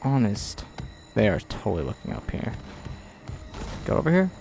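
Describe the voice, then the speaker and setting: A man's voice: fairly low pitch, big pitch swings, normal speed, vocal fry, background noise. A young man giving casual gameplay commentary with playful, self-mocking banter.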